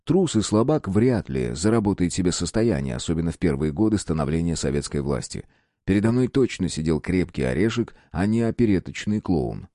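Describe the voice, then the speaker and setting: Male audiobook narrator, low and mellow, animated delivery, dry close mic. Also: brisk, no echo. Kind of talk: first-person audiobook narration.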